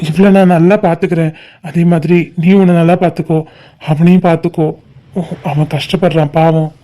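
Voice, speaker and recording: A woman's voice: low-pitched, flat delivery, fairly quick, dark tone, voice pushed down, close to an everyday voice. A woman voicing a young brother-in-law who earnestly consoles his wife's sister. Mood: reassuring. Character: younger sister's husband, young man, supportive.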